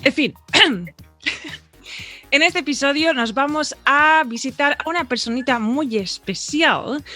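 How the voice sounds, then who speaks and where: Bubbly, bright-voiced woman podcast host. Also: fairly high pitch. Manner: chatty, bubbly, rambling. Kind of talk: casual podcast interview.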